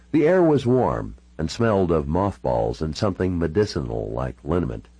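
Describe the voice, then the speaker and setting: A man's voice: deep voice, darkish tone, husky, no echo, poor audio. A man narrating a novel in the first person, with dry, wry asides. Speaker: audiobook narrator.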